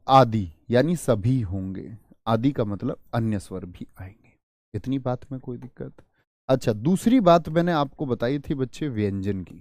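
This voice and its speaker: A man's voice: medium pitch, mellow, no room sound, clean studio sound. A man teaching a beginner lesson, repeating phrases, asking the class questions and acting out the students' imagined replies.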